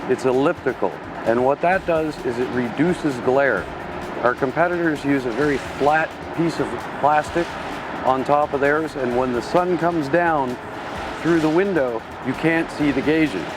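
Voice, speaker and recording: Male plant tour presenter, mid-pitched, plain-spoken product explainer with music clearly underneath. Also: unhurried, low-quality recording. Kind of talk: explanatory promotional product walkthrough.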